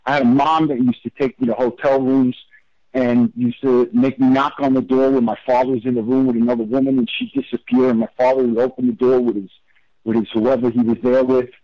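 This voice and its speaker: Man, interview guest, candid, halting, dull dry radio sound. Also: mid-range voice, lively intonation, creaky, dry recording. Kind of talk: personal storytelling in interview.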